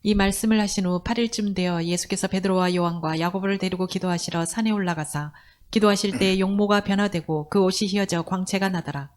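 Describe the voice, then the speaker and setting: A woman reading a scripture passage aloud in church, at a steady, even pace. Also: mid-range voice, fairly quick. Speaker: scripture reader.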